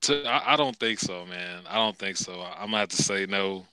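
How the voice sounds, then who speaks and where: Guy with a low but super sharp voice, stumbles over his words, little bit of noise in the background. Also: fairly quick, rough recording. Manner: hesitant, repeats words, chuckling. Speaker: panel guest. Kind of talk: casual round table chat.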